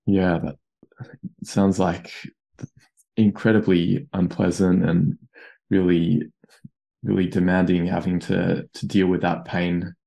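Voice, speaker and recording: Man, podcast host, deep voice, flat delivery, gravelly, sympathetic halting replies.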